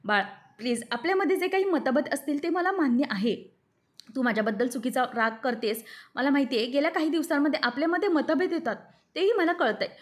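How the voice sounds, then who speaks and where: A woman reading aloud the lines of a scheming older mother-in-law who pretends to be kind, in a sugary, imploring tone. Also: high-pitched.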